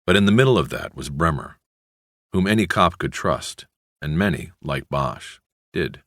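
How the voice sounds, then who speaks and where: Male audiobook narrator, exceptionally low voice, measured delivery, dry studio sound. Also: no room sound. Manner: measured, even storytelling.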